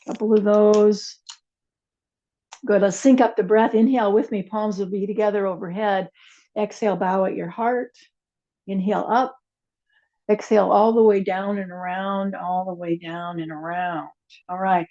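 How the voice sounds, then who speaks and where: A woman teaching a chair yoga and meditation class, giving gentle, unhurried cues with soft asides. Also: medium pitch, fairly even intonation, lo-fi sound. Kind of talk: guided yoga class instruction.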